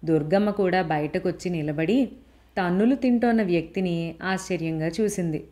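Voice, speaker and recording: A woman narrating a story in a steady, expressive reading voice. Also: fairly low pitch, normal speed.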